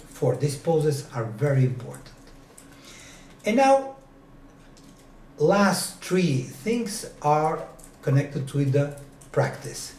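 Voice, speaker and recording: Slow, deliberate male lecturer in a roomy classroom. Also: a little high, warm tone, recorded from a distance, slight background noise. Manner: slow and deliberate, with many pauses and fillers. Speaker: university lecturer. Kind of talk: classroom lecture on public speaking. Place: university classroom.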